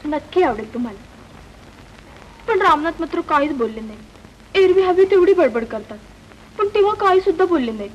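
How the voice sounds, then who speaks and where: A coy, eager young singer in a 1950s film, her voice very high and chatty. A faint hiss runs under the old soundtrack. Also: lively intonation, moderate pace, long pauses, lo-fi sound. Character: cheerful young female singer, shy and eager.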